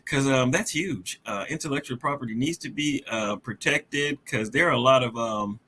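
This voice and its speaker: A man hosts a podcast, with a mid-pitched voice that sounds bright and forward. He asks questions in a friendly, loose way, often restarting sentences and filling gaps with uhs and ums. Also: moderate pace, breathy edge. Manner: friendly, rambling, hesitant with uhs. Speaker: podcast host. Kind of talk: casual interview.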